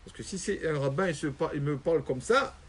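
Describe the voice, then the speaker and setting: A man's voice: fairly high pitch, a little fast, husky. A man voicing a humble, stubborn man who scolds a proud teacher in a retold story. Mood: scornful.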